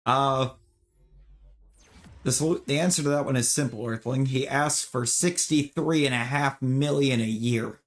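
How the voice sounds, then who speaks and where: A man's voice: medium pitch, measured pace. A man streaming a video game, chatting casually with viewers and giving his opinions in a rambling, loose way. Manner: opinionated, talks to chat viewers; rambling with restarts and fillers. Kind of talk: casual chat while gaming.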